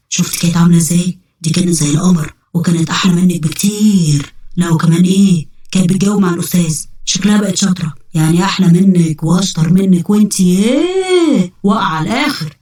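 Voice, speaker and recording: A woman's voice: lowish voice, fast talker, dark tone, dry recording, voice pushed down, natural voice. A woman with an Egyptian accent voicing a clumsy young male demon, grumbling and indignant. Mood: scheming. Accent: Egyptian Arabic.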